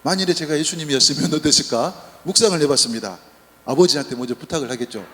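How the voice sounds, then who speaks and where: A man's voice: fairly high pitch, fast. A male priest giving a Lenten sermon in a church, telling stories with humor. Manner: lively, humorous storytelling. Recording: long church reverb.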